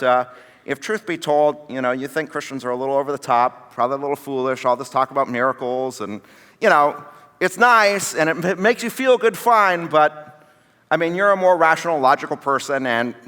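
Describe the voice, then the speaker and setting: A man's voice: a little high, bright, forceful tone, smooth, long reverb tail. A man preaching a casual, conversational sermon, acting out the voices of the people in the story. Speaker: pastor. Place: church sanctuary.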